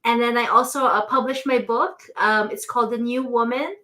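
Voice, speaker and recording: A woman from the Philippines, speaking as a guest on a live online talk show. She has a fairly high voice and answers in a chatty, relaxed way, full of ums and small laughs. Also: normal speed. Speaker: interview guest, nurse and entrepreneur. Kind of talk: conversational interview answers.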